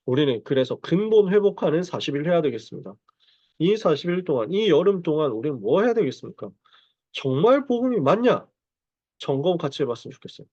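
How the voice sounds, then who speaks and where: Man preaching, animated pitch, slightly high voice, dry muffled sound, conversational, acts out Bible dialogue. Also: no room sound. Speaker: pastor. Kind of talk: sermon to parents.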